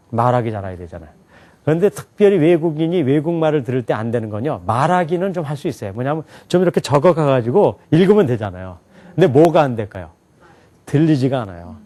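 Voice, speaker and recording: Male lecturer, lively rising and falling delivery, quizzes the room. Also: on the high side. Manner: animated, asks the class questions and answers them himself. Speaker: English teacher. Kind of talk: lecture to a live class.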